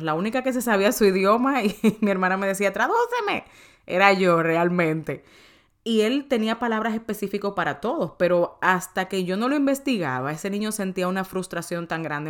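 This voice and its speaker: A woman in her thirties, an emotional eating coach, talking listeners through advice in a podcast monologue and often asking them questions. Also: lowish voice. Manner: warm, coaxing, asks listeners rhetorical questions.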